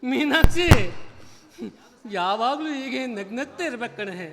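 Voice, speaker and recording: Man playing a gentle loving father. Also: very high voice, expressive, measured pace, in a large hall, heavily acted. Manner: soft emotional pleading, repeats phrases. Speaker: stage actor. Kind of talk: village stage melodrama.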